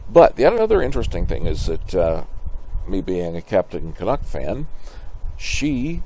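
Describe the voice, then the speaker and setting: An older man giving halting, musing, off-the-cuff commentary in a grandpa voice, as host of a reaction video. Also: low-pitched, huge pitch swings, dark tone, poor audio. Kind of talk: casual off-the-cuff trailer commentary. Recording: slight background noise.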